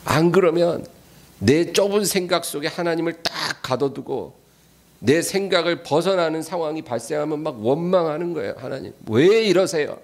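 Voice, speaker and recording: A man's voice: fairly high pitch, expressive, moderate pace, creaky. A man preaching a weekday sermon as a pastor, emphatic and repetitive, turning often to address the congregation directly. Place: church.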